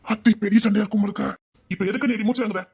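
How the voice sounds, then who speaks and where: A man's voice: fairly even intonation, rapid-fire, breathy edge. A man with a Tirunelveli Tamil accent performing a comic family sketch, trading teasing banter between relatives. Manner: teasing banter, jumping between high and hushed lines.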